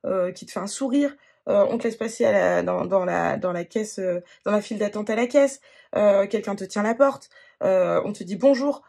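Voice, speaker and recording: A tarot card reader giving a spontaneous reading, talking gently and haltingly, with many restarts and fillers. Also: mid-range voice, creaky.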